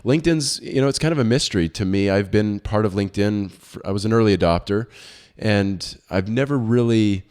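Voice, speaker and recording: Upbeat male podcast host, lowish voice. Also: fairly quick, a little mellow, smooth. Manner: upbeat, welcoming, uses "kinda" and "uh". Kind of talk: interview hosting.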